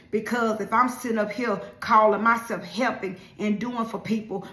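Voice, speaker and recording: A woman's voice: mid-range voice, fairly bright tone. Earnest woman preacher, echoey room. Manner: earnest, questioning, repeats questions. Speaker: minister. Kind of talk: devotional sermon.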